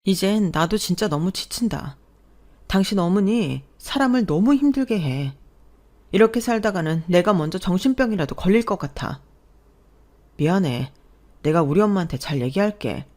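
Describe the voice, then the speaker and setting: A woman's voice: on the low side, lively intonation, moderate pace, a little mellow. A woman voicing a tired husband caught between his wife and his mother in a radio drama. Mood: weary. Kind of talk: Korean radio drama acting.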